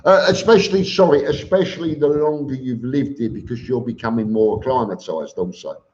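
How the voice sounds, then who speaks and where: Hosting a casual live stream, a man with a medium-pitched, darkish voice talks briskly as he reads out comments and answers them. He's informal and blunt, calling listeners "mate." The stream audio is dull and lo-fi.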